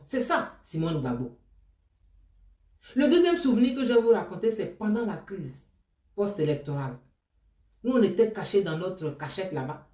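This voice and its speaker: A woman with an Ivorian French accent tells personal memories aloud, her voice swinging high and loud when she gets excited and dropping low and soft for quoted words. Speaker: storyteller sharing memories. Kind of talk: animated personal storytelling. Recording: echoey room, voice from a distance.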